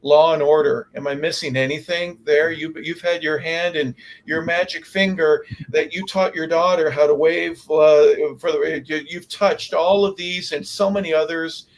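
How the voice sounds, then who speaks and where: A man's voice: a little high, fairly even intonation, normal speed, few pauses, slight background noise, low-quality recording. A man hosting a sports talk radio show, eagerly listing a guest's credits and asking questions. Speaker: host. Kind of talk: radio interview.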